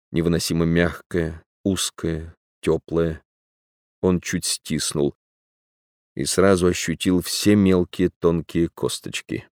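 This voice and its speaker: A man narrating a literary audiobook in a measured, deadpan way. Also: low voice, dry recording, studio quality.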